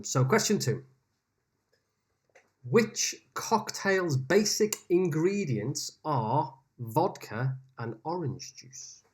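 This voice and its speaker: A man hosting an online pub quiz over a video call, reading each question twice with chatty asides. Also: mid-range voice. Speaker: quiz host.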